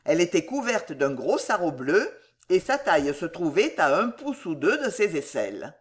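Lively expressive audiobook narrator. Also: medium pitch, normal speed.

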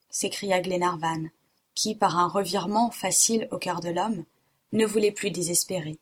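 A woman's voice: mid-range voice, slightly rough. Woman narrating a classic novel. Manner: measured, steady literary reading. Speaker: audiobook narrator. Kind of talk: scripted narration.

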